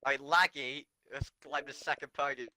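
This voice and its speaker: Breathless bright male co-commentator. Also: medium pitch, steady tone, slight background noise. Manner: stunned, halting, out of breath after the race. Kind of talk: post-race esports commentary.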